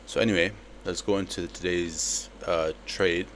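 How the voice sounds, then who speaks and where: A young man with a slight lisp walking through a trade in a casual, relaxed way, with lots of fillers. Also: low-pitched, unhurried, slight background noise. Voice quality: slight lisp from a palate expander. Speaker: trading educator. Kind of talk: screen-recorded trade breakdown.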